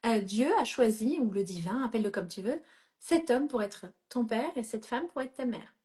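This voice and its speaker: A middle-aged woman coach with a fairly high voice leads a live coaching session. She is directive and steady, keeps checking that she is understood, and now and then drops an English phrase into her French. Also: moderate pace.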